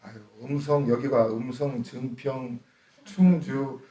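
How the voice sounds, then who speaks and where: A middle-aged pastor from Chungcheong, Korea, with a Chungcheong Korean accent, jokes with his congregation during a sermon, laughing often and asking them questions. His mellow, mid-range voice moves at a slow pace, picked up by a distant mic in an echoey church hall.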